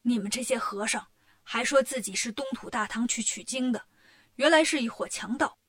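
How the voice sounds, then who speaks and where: A woman voicing a stern male prefect who scolds and accuses in a loud, indignant way. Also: fairly high pitch, moderate pace. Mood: scolding.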